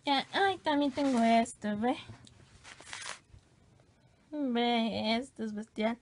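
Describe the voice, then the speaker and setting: A woman chats casually through a stack of her old sketches. She gushes and exclaims, teasing herself along the way. Her voice sits a little high. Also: slow, a little hiss or hum. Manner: gushing, exclamatory, self-teasing. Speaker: vlogger showing her old drawings. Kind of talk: casual show-and-tell.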